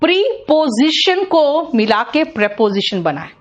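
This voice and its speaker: High-voiced, slow Indian woman teacher. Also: sing-song, lo-fi sound, a little hiss or hum. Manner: patient, repeats sounds slowly, calls students "beta". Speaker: English teacher. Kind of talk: online class teaching pronunciation.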